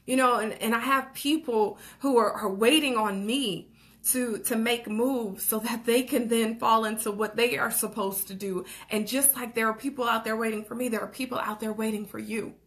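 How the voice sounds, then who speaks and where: A young woman with a slightly high voice delivers a fired-up motivational talk, preaching about goals and action. She repeats calls to act, slips in short laughs and keeps asking "okay?" to check her listeners are with her. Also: steady tone, moderate pace, fairly bright tone. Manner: laughs between phrases, says "okay?" and "like" often. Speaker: motivational vlogger.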